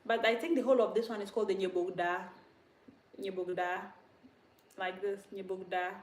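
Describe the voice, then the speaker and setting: A woman, a Dagaare speaker, casually teaching vocabulary on a livestream, repeating words slowly and laughing at herself often. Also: mid-range voice, fairly even intonation, a little mellow, reverberant. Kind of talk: casual spoken language lesson.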